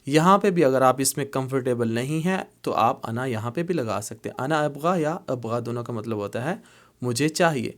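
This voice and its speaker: A middle-aged man teaches everyday phrases in a calm, steady lesson voice. His pitch sits in the ordinary middle range. He repeats each example slowly and patiently. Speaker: language teacher. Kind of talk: explaining Arabic phrases in Urdu.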